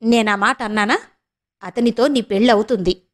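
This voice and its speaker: A woman's voice: on the high side, moderate pace, natural voice. A woman voicing a young woman, a firm, protective elder sister who presses with questions. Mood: reassuring.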